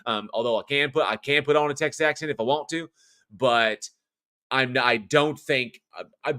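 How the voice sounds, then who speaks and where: At a moderate pace, this middle-aged Californian speaks in a pushed, bright, medium-pitched voice with a non-regional American accent. He's a voice actor hosting a horror show, casually rambling through a live stream, reading viewer comments and regularly correcting or restarting himself.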